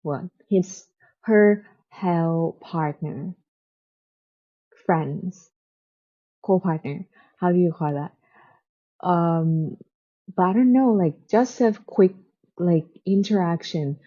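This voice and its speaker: Speaking slowly with long pauses, this woman has a lowish voice and is captured on a muffled recording. Her casual, unscripted book-vlogger chatter comes in English, which isn't her first language, and she often hesitates while reaching for words.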